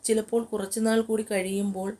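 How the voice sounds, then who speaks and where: A woman's voice: mid-range voice, little pitch movement, a little fast, warm tone, voice pushed up, lightly acted. A woman narrator voicing a young woman who is tearful and heartbroken, pleading through her tears in an audio story. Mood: sorrowful.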